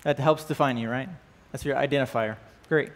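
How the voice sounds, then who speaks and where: Brisk and medium-pitched, a man leads a church class in a casual, chatty style. It begins with a prayer, and he's on an indoor stage surrounded by band gear. He keeps checking in by asking the group questions, using "right?" and "uh" a lot.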